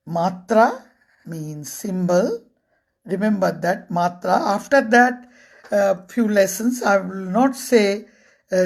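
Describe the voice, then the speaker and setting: A woman's voice: medium pitch, husky. A woman teaching Hindi letters to children, saying each sound again and again and explaining in English and Hindi. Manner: slow, repeats each sound, switches between Hindi and English. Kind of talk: slow, patient language lesson.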